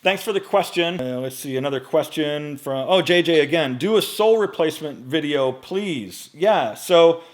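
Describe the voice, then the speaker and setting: A man in his late forties answering viewer questions in a casual vlog, relaxed and chatty with frequent fillers, recorded on a microphone in front of him in a home studio. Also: a little high, moderate pace, hardly any pauses. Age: 40s. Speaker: men's style YouTuber.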